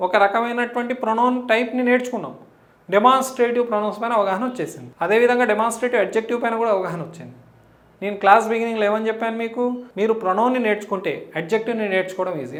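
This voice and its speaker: A man's voice: high-pitched, racing, fairly bright tone. Echoey male grammar teacher quizzing himself. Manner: asks and answers his own questions, checks understanding often. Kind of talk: exam-prep grammar lesson.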